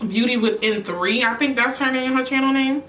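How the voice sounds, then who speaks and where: A young woman from New York, a YouTuber, chats casually during her mukbang, answering questions as she eats. Her voice sits high with a fairly bright tone at a moderate pace, and the recording has a little hiss or hum, an echoey room, and a distant mic.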